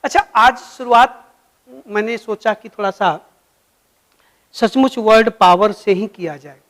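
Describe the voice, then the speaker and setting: A man's voice: high voice, a little slow, fairly bright tone, low-quality recording. Patient man teaching vocabulary. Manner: patient, addresses viewers as friends, spells words letter by letter. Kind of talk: explanatory video lesson.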